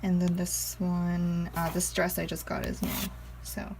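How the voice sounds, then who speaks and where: A woman's voice: on the low side, completely flat delivery, measured pace, creaky, background noise. A woman chatting casually in a home vlog, rambling with lots of fillers and frequent laughs. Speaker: vlogger.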